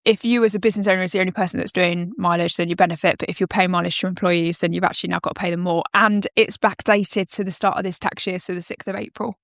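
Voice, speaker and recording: Brief: British woman co-host walking business owners through tax rules, calm and methodical, dry close mic. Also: lowish voice, fast, few pauses, dry recording. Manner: explanatory, steady, with frequent ums. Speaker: accountant explaining tax changes. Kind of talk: casual podcast discussion.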